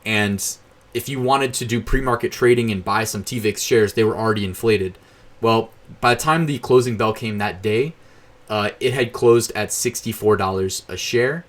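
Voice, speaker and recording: Young male channel host, lowish voice, casual and meandering delivery with plenty of fillers. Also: normal speed. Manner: rambling, thinks aloud with fillers and self-corrections. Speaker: YouTube host. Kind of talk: casual talk to camera.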